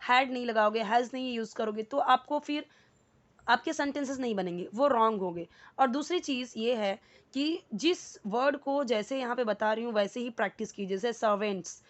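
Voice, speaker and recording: A woman teaching spoken English, explaining word by word and repeating words for practice. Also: a little high.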